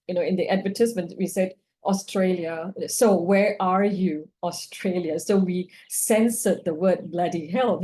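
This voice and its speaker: A woman's voice: lowish voice, dark tone. A woman from Singapore giving a conversational online presentation over a video call, laughing often. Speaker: roundtable speaker.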